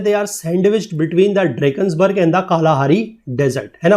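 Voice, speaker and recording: A male geography teacher, high-pitched with a darkish tone, prepares students for exams by patiently explaining and frequently using tag questions to confirm they follow. His Hindi lecture weaves in lines from an English textbook.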